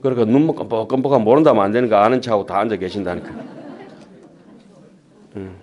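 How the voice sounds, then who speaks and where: A middle-aged male Buddhist monk with a Gyeongsang accent, lecturing on a sutra to lay Buddhists. He reads the text slowly and deliberately, then drops into quick, chatty asides to the audience. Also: lowish voice, darkish tone, some chatter behind, slight background noise. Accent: Gyeongsang dialect. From Gyeongsang region of Korea. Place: temple lecture hall with an audience.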